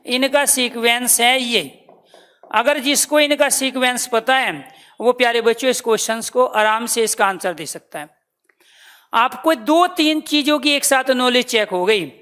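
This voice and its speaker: Brief: high-pitched woman, language teacher running a live online class, quizzing and repeating terms, addresses students as dear children. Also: measured pace, fairly bright tone. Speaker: Hindi teacher.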